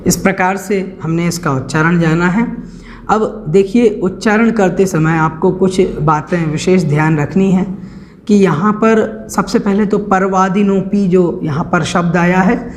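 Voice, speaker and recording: A man teaching a recorded scripture lesson, explaining the text slowly and repeating words to show how they are pronounced. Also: high-pitched, slight background noise. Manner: slow, careful, repeats words for pronunciation. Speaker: religious teacher.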